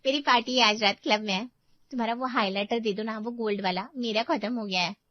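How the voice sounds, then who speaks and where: A woman's voice: fairly high pitch, fairly even intonation, fairly quick, no echo, lightly acted. A woman voicing a cheerful young sister-in-law who coaxes in a bubbly way, for a cartoon story. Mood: coaxing. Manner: bubbly, coaxing. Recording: dull lo-fi voice track.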